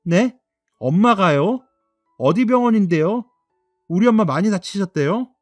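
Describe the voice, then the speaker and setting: A man's voice: high-pitched, lively intonation, dry recording, faint music behind, voice pushed up. A man voicing an upset ten-year-old boy who pleads and cries in a radio drama. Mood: panicked. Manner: tearful, pleading, drawn-out cries.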